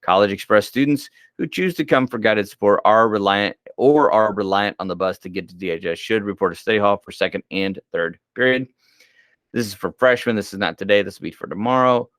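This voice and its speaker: A man's voice: lowish voice, brisk, fairly bright tone, no room sound, studio quality. A man hosting casual school homeroom news, chatty and joking, sleepy and yawning as he reads announcements.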